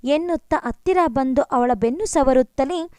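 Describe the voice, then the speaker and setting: A woman's voice: sits high, moderate pace, darkish tone, no echo, clean studio sound. A woman narrating a family story, reading steadily and expressively.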